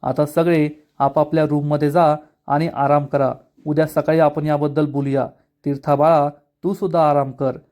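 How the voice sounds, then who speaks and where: A man's voice: fairly high pitch, little pitch movement, moderate pace, hardly any pauses, darkish tone, lightly acted. A man reading the lines of a caring grandmother who soothes and directs her family. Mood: calm. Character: calm caring grandmother of the household.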